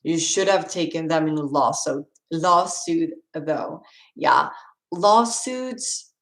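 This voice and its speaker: A young Swedish woman with a low voice chats on a stream and answers viewer questions in a relaxed, rambling way, laughing now and then. She speaks in a Swedish accent at an unhurried pace. Her voice rings a little in an echoey room. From Sweden. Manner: chatty, rambling, laughs often. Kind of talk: casual live-stream Q&A.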